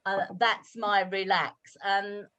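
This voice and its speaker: A woman's voice: lowish voice, a little slow, a bit bright, lo-fi sound. A woman from the United Kingdom, a guest teacher, talking candidly and chattily on a video call, with hesitant restarts. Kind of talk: casual online talk.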